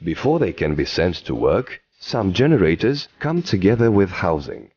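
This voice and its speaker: A man giving scripted documentary narration in an even, explanatory delivery, recorded as a studio voice-over. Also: low-pitched, normal speed, dull audio.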